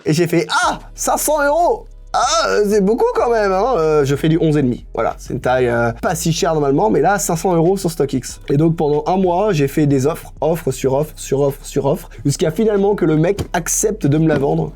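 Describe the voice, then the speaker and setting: A man's voice: fairly high pitch, a little fast, hardly any pauses, mellow. A young man talking casually in an unscripted vlog about his sneaker collection, enthusiastic and chatty, dropping English slang into his speech. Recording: music playing faintly behind.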